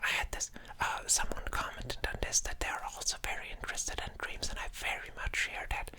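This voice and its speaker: A person speaking in a breathy whisper in a casual ASMR ramble, sounding sleep-deprived and hesitant, often trailing off and starting thoughts again. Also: fairly quick, bright, forceful tone. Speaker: ASMR creator.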